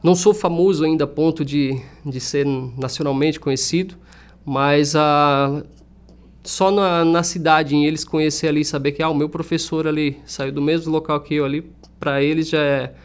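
Earnest man, fairly high. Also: fairly even intonation, moderate pace, clear, resonant tone. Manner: earnest, reflective, with frequent restarts. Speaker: music teacher and singer. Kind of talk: interview guest.

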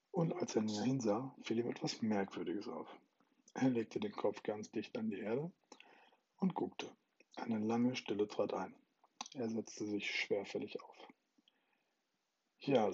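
A man's voice: mid-range voice, a little mellow, breathy edge, dull audio. A man hosting his own podcast, chatting informally with many fillers before reading a novel aloud. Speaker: podcast host and reader.

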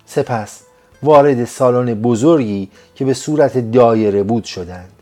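A man narrating a serialized story as a scripted audiobook, reading in a slow, measured way. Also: medium pitch, mellow. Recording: faint music behind.

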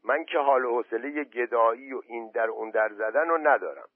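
A man reading aloud as a soft-hearted village man in a story, speaking earnestly. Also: medium pitch, dry recording, lightly acted. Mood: uneasy. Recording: dry, tinny phone-quality audio.

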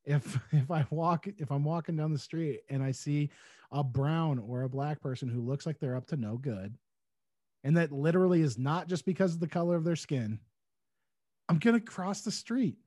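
A man's voice: fairly high pitch, normal speed, darkish tone, dry recording. A man joining a podcast as a guest, chatting casually with wry humor. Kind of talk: casual political chat.

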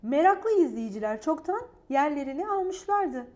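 A woman reading a children's story aloud in a gentle, expressive way. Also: high-pitched, moderate pace.

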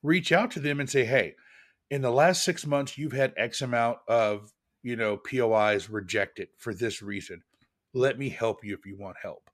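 Podcast co-host, male, a father. Casual, animated, slips into exaggerated voices when quoting. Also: mid-range voice, moderate pace. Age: adult with kids. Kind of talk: casual chat.

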